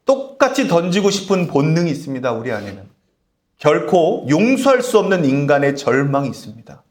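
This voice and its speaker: A man's voice: on the high side, big pitch swings, a little fast. A man preaching a sermon as pastor, calling out to the congregation and asking for amens. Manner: call-and-response preaching, repeated "amen?". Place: church sanctuary. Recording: echoey church hall.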